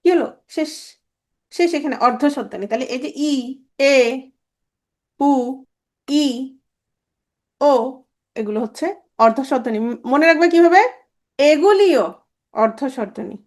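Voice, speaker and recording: A woman teacher giving an exam-prep grammar lecture. She is brisk and informal, repeats sounds over and over, and asks and answers her own questions. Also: high-pitched, expressive.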